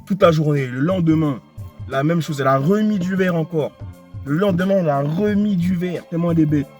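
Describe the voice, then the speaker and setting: A man's voice: a little high, fairly quick, a little mellow, faint music behind. A young man giving dating advice in a casual, slangy monologue, talking straight to the listener and repeating himself often. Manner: slangy, repetitive, addresses listener directly.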